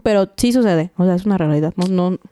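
A woman's voice: on the low side, quick pace, mellow, no room sound. Young woman, dry close sound. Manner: emotional, mixes English phrases, repeats herself. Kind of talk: casual chat.

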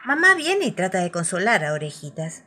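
Lively woman reading children's stories. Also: fairly low pitch, a little fast, slight background noise. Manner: expressive, animated. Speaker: storyteller. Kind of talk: children's story narration.

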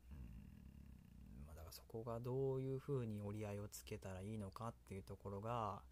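A man's voice: fairly low pitch, sing-song, brisk, gravelly, darkish tone. A man with a Kansai accent hosting a casual solo radio talk, rambling and often laughing at himself. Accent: Kansai Japanese. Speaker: solo radio host and creator.

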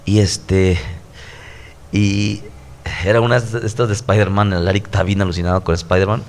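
A man's voice: on the low side, flat delivery, normal speed, slight background noise. A man in his thirties with a Mexican accent, a pastor who preaches conversationally on a podcast and repeats his points earnestly. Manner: earnest, preachy, stacked repetitions.

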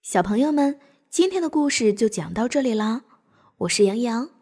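A young woman narrating a bedtime story for children in a gentle, expressive way. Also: fairly high pitch, normal speed, husky.

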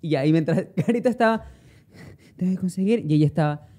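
A woman co-hosting a podcast in casual chat, retelling events quickly and comically. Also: lowish voice, expressive, mellow. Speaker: podcast co-host.

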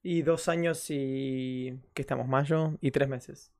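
A man, hosting a casual interview and halting over his words, repeating them as he starts sentences. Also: mid-range voice, steady tone, darkish tone. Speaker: interview host.

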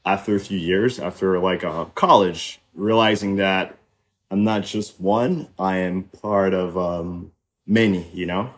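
A young man who grew up in Haiti speaks in a low, fairly deep voice. He talks reflectively, pausing on fillers and restarting his sentences, in a relaxed podcast conversation. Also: breathy edge. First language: French and Haitian Creole. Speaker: podcast guest. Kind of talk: casual conversation.

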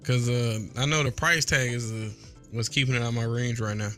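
A man co-hosting a casual gaming chat, relaxed and slangy. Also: medium pitch, brisk, faint music behind. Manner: relaxed, slangy, says bro a lot.

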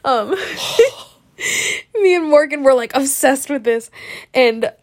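A woman's voice: high-pitched, expressive, slow. A young woman co-hosting a casual chat, telling stories with lots of giggles and animation. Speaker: co-host.

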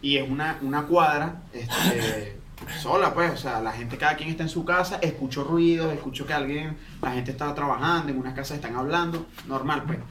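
A man's voice: on the high side, moderate pace, a crowd in the background. A man from Venezuela with a Venezuelan accent, telling a long story in a casual, slangy way and often restarting his sentences. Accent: Venezuelan Spanish. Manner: rambling, restarts mid-phrase, slangy. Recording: roomy distant mic, faint ambience.

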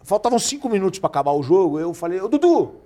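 A man's voice: high-pitched, rapid-fire. A man in his forties from Brazil, telling anecdotes in casual chat and acting out the voices of the people in them. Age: 40s. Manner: lively anecdotal, acts out quoted voices. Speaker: podcast guest. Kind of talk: casual storytelling.

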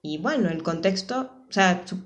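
A woman's voice: mid-range voice, animated, normal speed. A young Venezuelan woman, a comedian guesting on a podcast, chatting easily and laughing often. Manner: laughing, easygoing. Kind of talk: casual chat.

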